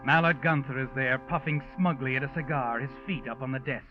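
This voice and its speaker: An actor playing a sinister, knowing narrator who taunts in the dramatic style of 1940s radio suspense. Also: male voice, mid-range voice, steady tone, brisk, natural voice. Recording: muffled vintage radio recording, music behind.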